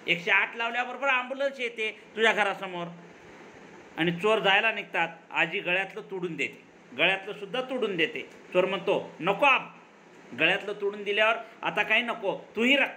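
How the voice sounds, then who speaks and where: A man's voice: high-pitched, a little fast, slight background noise. A man teaching a college class, retelling a story with repetition and explanation. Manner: animated storyteller who repeats and explains. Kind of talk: lecture retelling a story dialogue.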